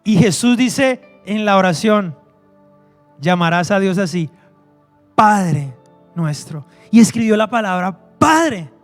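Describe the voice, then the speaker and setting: A man's voice: high voice, lively intonation, slow, soft background music. A man preaching a sermon to his church, emphatic and repetitive, acting out quoted voices. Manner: emphatic, repeats phrases, acts out quoted voices.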